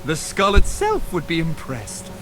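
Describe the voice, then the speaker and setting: A man's voice: on the high side, wildly swooping pitch, measured pace. A man playing a pompous, theatrical carnival showman in a video game, with grandiose, flustered patter. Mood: wheedling.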